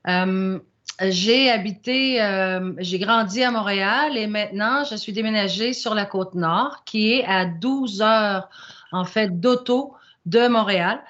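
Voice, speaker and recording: A woman's voice: medium pitch, fairly bright tone, muffled recording. A woman from Quebec with a Québécois accent, a guest artist introducing herself in a live online talk, speaking with many hesitations. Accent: Québécois French. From Quebec, Canada. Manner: slow, halting, many hesitations.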